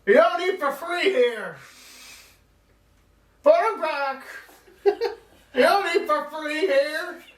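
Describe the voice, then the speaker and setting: A game master voicing a grumpy old man who curtly scolds players. The voice is high and strained. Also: animated, slow, pauses often, a bit bright, full character voice. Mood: scolding. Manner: gruff, curt scolding. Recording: echoey room, distant mic.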